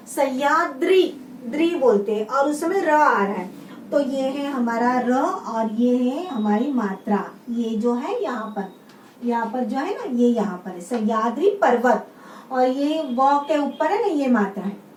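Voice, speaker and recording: High-voiced woman teacher drilling young children. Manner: patient drilling, repeats each word and asks the class. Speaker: schoolteacher. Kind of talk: classroom lesson for young children. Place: room with a writing board. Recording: roomy sound, mic set far off, faint background hum.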